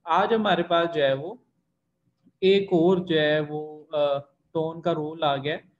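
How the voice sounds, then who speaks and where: A man teaching a language lesson online, speaking slowly and patiently with a somewhat raised pitch. He draws out the example syllables as he explains them. The recording sounds dull and lo-fi. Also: steady tone. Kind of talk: online class lecture. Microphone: online class recording.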